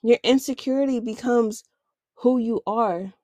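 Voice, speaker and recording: A woman's voice: a little high, a little slow, warm tone, no echo. Candid woman giving casual self-help advice. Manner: candid, conversational, uses slang. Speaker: podcast host.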